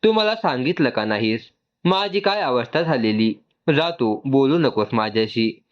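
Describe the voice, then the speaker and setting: A man's voice: mid-range voice, animated, measured pace, highs cut off, lightly acted. A man reading as an anxious young woman. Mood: sulky. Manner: worried, pleading.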